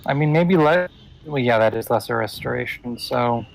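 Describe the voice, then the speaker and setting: A man's voice: medium pitch, normal speed, creaky, low-quality recording. A man playing a tabletop game over a voice call, dry and sarcastic in his remarks. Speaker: player. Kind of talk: casual tabletop game chat.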